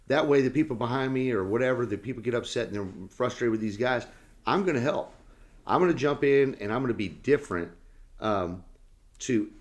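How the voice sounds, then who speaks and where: A man who is a senior pastor, talking earnestly and casually in a devotional chat. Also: medium pitch. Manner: earnest, lesson-drawing talk.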